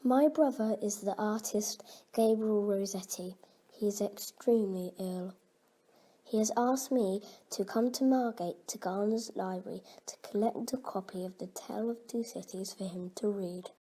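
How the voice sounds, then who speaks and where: A woman's voice: medium pitch, moderate pace, warm tone, close to an everyday voice. A woman playing a polite young Victorian lady who speaks formally and courteously. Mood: earnest. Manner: formal, courteous period speech.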